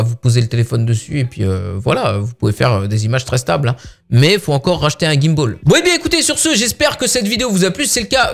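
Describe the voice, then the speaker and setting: Chatty tech reviewer, slightly high. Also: male voice. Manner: chatty, frequent fillers. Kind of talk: casual phone unboxing review.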